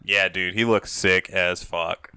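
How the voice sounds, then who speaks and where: A man's voice: deep voice, steady tone, slow, sharp tone, smooth, no room sound, studio quality. A young man co-hosting a casual gaming podcast, joking and swearing casually. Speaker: podcast co-host.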